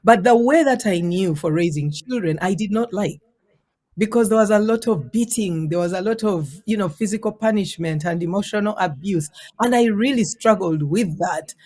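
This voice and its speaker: A woman in her forties who grew up in Uganda tells her story as a guest on an interview show. She talks in an earnest, thoughtful way and slows down on key words to stress them. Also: mid-range voice, mellow. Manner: earnest, reflective, drawn-out emphasis. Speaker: guest, parenting coach.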